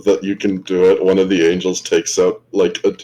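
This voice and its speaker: A man's voice: sits low, monotone, moderate pace, mellow, poor audio. A man narrating as game master of a tabletop role-play stream, casual and stammering. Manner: casual, stammering restarts, laughs often. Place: home room, live stream.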